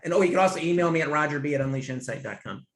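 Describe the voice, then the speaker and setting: A man with a fairly high voice speaks eagerly on a podcast, looping through restarts and little asides. The room around him is echoey. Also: very fast. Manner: enthusiastic, rambling with restarts and "hey" asides. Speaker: guest, finance consultant. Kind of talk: conversational interview. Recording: roomy echo.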